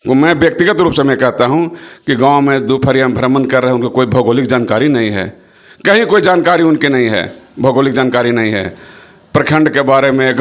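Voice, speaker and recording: A middle-aged man, a local politician, speaking forcefully to the press and repeating phrases for emphasis. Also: mid-range voice. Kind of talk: impassioned political speech to press.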